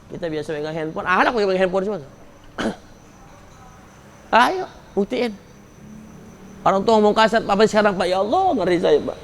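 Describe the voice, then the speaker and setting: A man's voice: sits high, vocal fry, a little hiss or hum. A man preaching a sermon at a religious study gathering, turning to his listeners with casual colloquial asides and rising sharply when he scolds. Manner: casual colloquial asides addressing the men in the audience.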